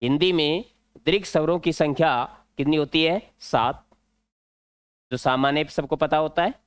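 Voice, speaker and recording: Hindi teacher man with a smooth, dry voice. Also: a little high, fairly even intonation, no room sound. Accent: Rajasthani Hindi. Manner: explains slowly, repeats and stretches key words. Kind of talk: exam-prep Hindi grammar lesson.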